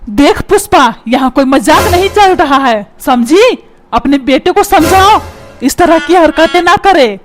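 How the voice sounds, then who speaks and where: A hot-headed cartoon father who rants and threatens, in a squeaky, shrill voice, as a woman puts him on. He talks over loud background music. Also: lively intonation, unhurried. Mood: ranting. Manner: scolding, shouting threats. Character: short-tempered middle-aged father, blustering and threatening. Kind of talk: comic cartoon dubbing. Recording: music playing loudly underneath.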